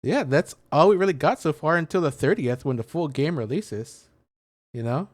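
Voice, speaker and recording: The video game streamer and host keeps up casual, rambling talk as he plays, musing aloud, reaching for words and reading on-screen things out. His voice sits on the high side with lively intonation at normal speed, captured in studio quality with no room sound.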